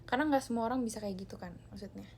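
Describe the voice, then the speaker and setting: A woman's voice: fairly high pitch, rapid-fire, a little mellow, slight background noise. A young woman chatting casually to viewers on a live stream from her phone, talking loosely with lots of fillers. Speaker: idol group member hosting a live stream.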